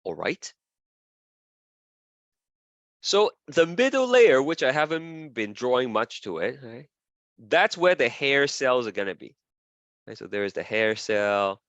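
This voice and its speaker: Male lecturer, low voice, dry dull capture, keeps checking in with the class. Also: a bit bright, dry recording. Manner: checks in often with "okay?" and "right?"; repeats key terms while drawing.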